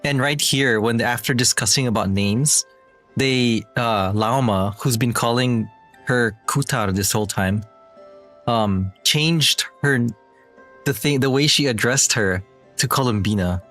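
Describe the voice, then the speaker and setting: Male game streamer, mid-pitched, casual and reactive, halting delivery, faint game music behind. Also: fairly bright tone. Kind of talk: casual playthrough commentary.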